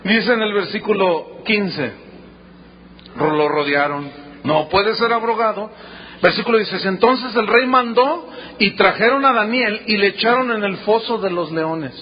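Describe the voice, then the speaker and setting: Animated Mexican pastor preaching, high-pitched. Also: male voice, measured pace, dull audio, a little hiss or hum. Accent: Mexican Spanish. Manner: animated storytelling, dramatic quoted dialogue. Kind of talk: sermon.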